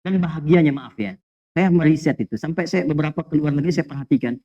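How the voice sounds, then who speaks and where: Animated male preacher, dull lo-fi sound. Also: on the high side, quick pace. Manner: animated storytelling with jokes and rhetorical questions; quotes Arabic phrases. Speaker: Islamic preacher. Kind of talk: lively sermon to a live congregation.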